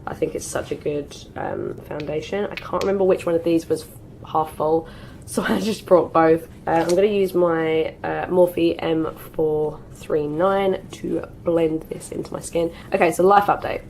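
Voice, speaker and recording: A British woman in her twenties, a beauty vlogger, talks through her makeup routine in a get-ready-with-me chat while recovering from a cold, filling her speech with "like" and "um." Her voice is deep, gravelly and darkish, with fairly even intonation and an unhurried pace. The low-quality recording carries a little hiss or hum.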